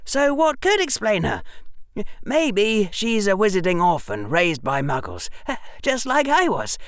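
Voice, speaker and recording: A reader voicing an earnest young wizard boy who lectures and persuades in a high, pushed-up voice. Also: sing-song, unhurried, dry recording, clean studio sound. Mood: persuasive. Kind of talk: audiobook character reading.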